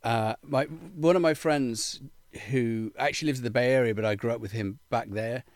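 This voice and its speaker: A man, a guest in a casual interview, telling animated stories with plenty of swearing. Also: mid-range voice, moderate pace, dry recording, studio quality. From born in Zambia, raised in Cornwall, England. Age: 50s. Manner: swearing, animated storytelling with acted quotes.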